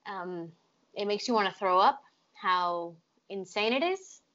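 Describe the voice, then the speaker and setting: A woman's voice: medium pitch, animated, measured pace, a bit bright, muffled recording. A woman hosting a casual trailer-reaction chat, wry and calling herself a pessimist. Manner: wry, self-described pessimist. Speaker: host.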